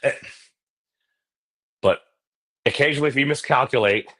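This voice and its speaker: A man hosts a livestream in a casual, rambling chat, joking at his own expense as he wanders off into digressions. His mid-range voice is pushed and bright, moving at a moderate pace.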